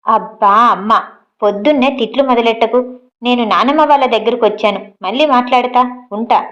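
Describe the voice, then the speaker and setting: A woman's voice: fairly high pitch, fairly quick, a bit bright, muffled recording, lightly acted. A woman voicing a hot-tempered but loving young man in an audio storybook, speaking insistently. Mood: irritated.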